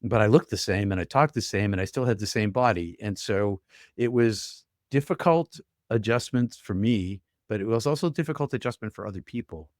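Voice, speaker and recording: A man's voice: fairly low pitch, darkish tone, no echo, studio quality. Earnest older man recounting his story. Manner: earnest, vivid, acts out voices he heard. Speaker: guest telling his near-death story. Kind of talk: personal storytelling in an interview.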